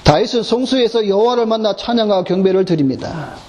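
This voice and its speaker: A man's voice: sits high, expressive, quick pace, darkish tone, big-room sound. A man preaching a sermon as pastor, asking the congregation rhetorical questions. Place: church.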